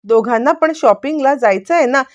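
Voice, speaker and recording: A bossy middle-aged mother handing out scoldings, as a woman reads her. Her voice runs fairly high and firm. It's a retold soap-serial scene. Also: lively intonation, normal speed, muffled recording.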